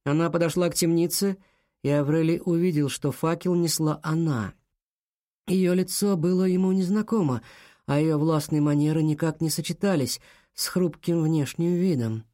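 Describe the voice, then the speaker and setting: A man narrating a children's adventure audiobook in a measured storytelling delivery. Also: on the high side, warm tone, dry recording, studio quality.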